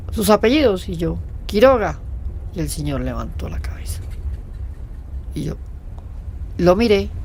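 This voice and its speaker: A woman in an interview, telling her own story in a lively way and acting out what people said. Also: on the low side, vocal fry.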